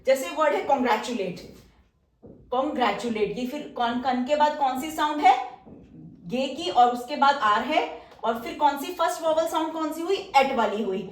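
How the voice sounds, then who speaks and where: A woman teaching shorthand, explaining step by step and patiently repeating each word slowly as she writes it. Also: sits high. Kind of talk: explaining step by step while writing outlines. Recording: roomy echo, mic somewhat distant.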